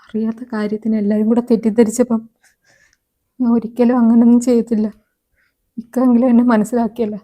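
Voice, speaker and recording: A woman acts out a gentle young daughter-in-law, hurt by blame. Her voice is mellow, a bit high and oddly level, soft and pleading. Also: little pitch movement, a little fast, long pauses, close to an everyday voice.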